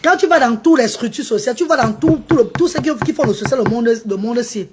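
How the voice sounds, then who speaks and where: A woman's voice: on the high side, lively intonation, fast talker, noisy background. A woman, ranting at commenters in a live stream, mocking and insulting them between updates about her charity restaurant. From Cameroon. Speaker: livestreamer running a charity restaurant. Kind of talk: live-stream rant and chat.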